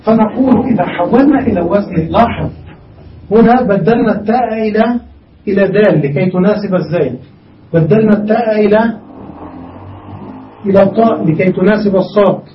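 A man teaching an Arabic grammar lesson, speaking slowly and deliberately and spelling out word forms step by step. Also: sits high, far from the mic, a little hiss or hum. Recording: muffled, echoey classroom recorded from afar.

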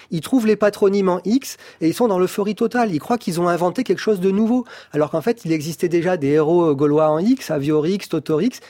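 A male expert guest on a radio programme, with a fairly high voice in a dry studio sound. He explains analytically, pausing to find words. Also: mellow, no room sound. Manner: hesitant, analytical, stresses key words. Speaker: interview guest, expert on comics.

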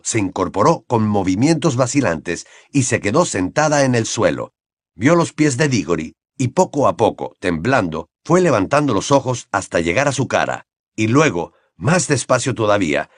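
A man narrating an audiobook with an expressive storytelling cadence. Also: fairly low pitch, no echo, clean studio sound.

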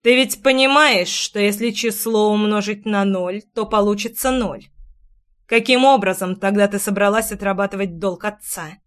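A woman's voice: mid-range voice, steady tone, normal speed, close to an everyday voice. A woman reading as a haughty ancient dragon. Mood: cold, mocking. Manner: indifferent, mocking. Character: haughty ancient male dragon, cold and cruel.

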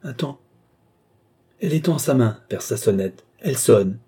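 A man voicing a young woman under a trance who tenderly and slowly describes her visions in a storybook reading. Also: mid-range voice, lively intonation, dark tone, breathy edge. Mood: dreamy entranced. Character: young woman, entranced clairvoyant, tender and devoted.

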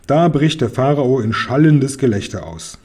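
A male narrator reading a children's story aloud with lively storytelling. His voice is mellow and slightly husky, at a middle pitch. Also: moderate pace.

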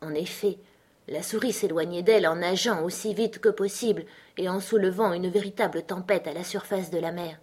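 Woman reading a kids' storybook, calm, kinda breathy. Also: lowish voice, normal speed. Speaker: audiobook narrator. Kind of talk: scripted storybook narration.

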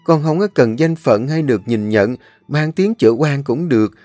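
A man's voice: mid-range voice, expressive, moderate pace, warm tone, no room sound, faint music behind, voice pushed up, natural voice. A man voicing a young woman who keeps ducks, earnest and pleading. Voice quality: raised, pleading tone. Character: young countrywoman duck-keeper, earnest and pleading.

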